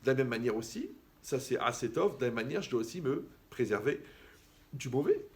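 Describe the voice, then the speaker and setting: A man giving a lively, conversational sermon as a rabbi, who acts out the people he quotes. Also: medium pitch, fairly quick. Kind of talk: animated sermon.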